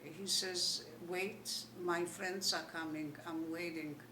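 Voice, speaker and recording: A woman's voice: on the low side, takes it slowly. Older woman with a Polish Yiddish accent, echoey room. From Poland. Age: older, 80s. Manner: animated retelling, acting out remembered dialogue. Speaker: Holocaust survivor giving testimony. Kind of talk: oral history storytelling. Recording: echoey room, distant mic, faint noise.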